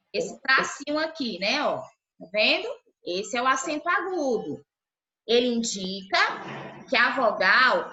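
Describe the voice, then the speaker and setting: Bright-voiced Brazilian woman teaching children. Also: a little high, a little hiss or hum. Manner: patient, sounds out syllables, checks in with "tá?" often. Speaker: primary school teacher. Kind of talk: online class for children. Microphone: video call. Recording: roomy, dull lo-fi call audio.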